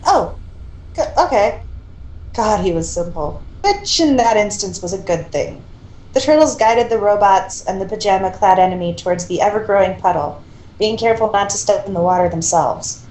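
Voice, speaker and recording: Reading fan fiction alongside someone else, a woman uses a medium-pitched, darkish voice with lively intonation at normal speed. She reads in an amateur way, tossing in casual asides, and the echoey room adds faint noise.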